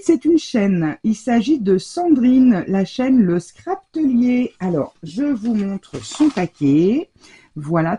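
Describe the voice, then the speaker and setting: Woman opening fan mail at her craft table, raspy soft voice, lots of euh and hein. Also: a little high. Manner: chatty, gushing, many fillers. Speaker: craft channel host. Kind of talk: casual chat opening mail. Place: home craft room, shutter half closed. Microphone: overhead table camera.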